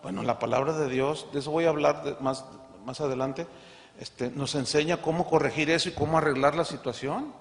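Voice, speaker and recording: High-voiced pastor preaching in a hall. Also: male voice, a little fast. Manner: emphatic preaching with rhetorical questions. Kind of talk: sermon. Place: large conference hall. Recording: long hall reverb.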